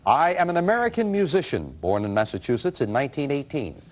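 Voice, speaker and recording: A man's voice: medium pitch, sing-song, quick pace. A man hosting a TV quiz show, reading questions and bantering teasingly with contestants. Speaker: game show host. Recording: loud studio crowd noise. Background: studio audience.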